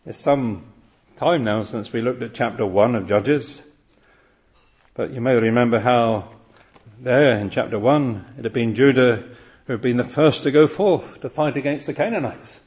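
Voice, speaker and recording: A man's voice: mid-range voice, normal speed, a little mellow. Male preacher, earnest expository sermon, rhetorical questions, mid-range voice.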